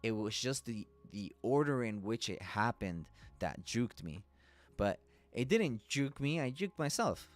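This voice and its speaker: A man's voice: mid-range voice, sing-song, a little slow, soft background music. A man hosting a live trading stream, talking loosely and casually through chart analysis, swearing and laughing as he goes.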